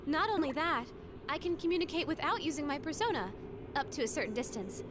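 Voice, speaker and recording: A woman's voice: high-pitched, expressive, a little fast. An actress playing a perky, bossy teenage girl teammate in a video game. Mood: explaining. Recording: noisy background.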